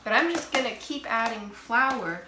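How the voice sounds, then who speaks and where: A woman's voice: fairly high pitch, lively intonation, normal speed, roomy sound, background noise. A woman chatting casually on a vlog while she bakes at home, exasperated and self-mocking, swearing now and then. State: out of breath. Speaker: vlogger. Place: home kitchen.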